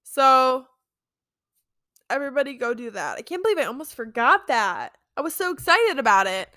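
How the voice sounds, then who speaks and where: A woman's voice: high voice, sing-song, moderate pace, bright, forceful tone, dry recording, studio quality. A young woman hosting her own podcast, talking casually and earnestly, with lots of fillers. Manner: earnest, chatty, many fillers. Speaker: podcast host. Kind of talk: casual solo podcast talk.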